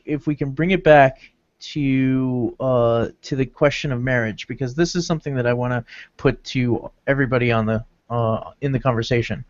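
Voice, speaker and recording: Guy explaining stuff slow and careful, podcast, dry dull audio. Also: mid-range voice, no room sound. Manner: measured, explanatory, lecturing. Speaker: podcast co-host. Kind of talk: casual podcast discussion.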